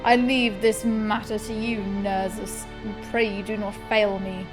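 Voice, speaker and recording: A woman's voice: medium pitch, level tone, unhurried, music in the background, natural voice. A woman voicing a haughty, commanding undead heir with formal, imperious delivery, reading out a game. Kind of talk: character voice in a game read-aloud.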